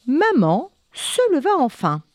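A woman narrating a children's story, animated and speaking straight to young listeners. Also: sits high, takes it slowly, no echo, studio quality.

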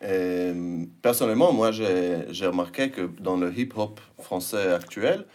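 A man's voice: low voice, unhurried, a little mellow. A man interviewing a guest, building his questions step by step and in a considered way.

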